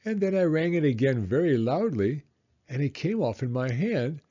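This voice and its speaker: A man's voice: a little high, lively intonation, moderate pace, warm tone, highs cut off, voice pushed up. A man voicing a pompous, long-winded owl in a children's storybook, formal and emphatic. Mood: chatty, proud. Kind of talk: children's storybook character reading.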